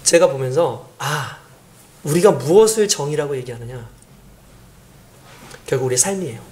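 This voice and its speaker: A man's voice: on the high side, moderate pace. A pastor preaching a sermon in a conversational way, asking the congregation questions and acting out the voices of people in his stories. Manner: animated, acts out quoted voices.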